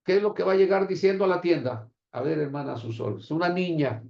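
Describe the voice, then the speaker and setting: A middle-aged man with a Mexican Spanish accent teaches a church class as pastor, his voice sitting a little higher than most men's. He talks in a lively way and plays out both sides of conversations with changing voices. The recording sounds dull and lo-fi. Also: a little fast, vocal fry. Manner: animated, acts out dialogue with shifting voices.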